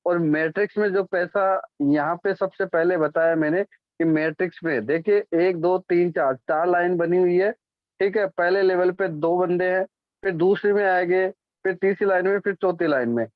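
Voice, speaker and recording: High-voiced man explaining a plan. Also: moderate pace, dry recording. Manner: repeats "ठीक है?" to check on listeners, corrects himself often. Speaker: presenter explaining a business plan. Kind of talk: explanatory presentation. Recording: dull, dry lo-fi sound.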